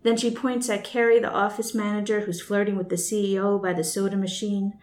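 A woman's voice: mid-range voice, little pitch movement, a little fast, darkish tone. Woman reading her story in an echoey room. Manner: wry, blunt, conversational narration. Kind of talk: first-person fiction reading.

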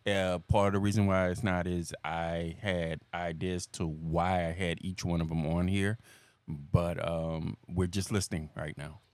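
A man with a very deep voice co-hosts a podcast. He keeps his turns easygoing and brief in casual chat. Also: flat delivery, unhurried, darkish tone, no room sound. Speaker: podcast co-host.

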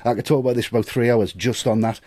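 A man's voice: mid-range voice, steady tone, rapid-fire, dark tone, no room sound. A man enthusing about film technique in casual, sweary podcast chat.

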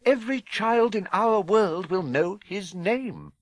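A stern, anxious older woman professor from a storybook, voiced by a man. Her pitch sits high and swings widely, and she speaks in a clipped, fussy, urgent way. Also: animated, takes it slowly, no room sound, full character voice. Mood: awed. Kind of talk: audiobook character voice.

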